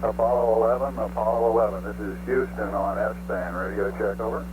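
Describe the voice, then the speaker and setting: Male capsule communicator, lowish voice, clipped procedural phrasing, humming archival space radio with clear static. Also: little pitch movement, a little fast. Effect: space-mission radio. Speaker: mission control capsule communicator.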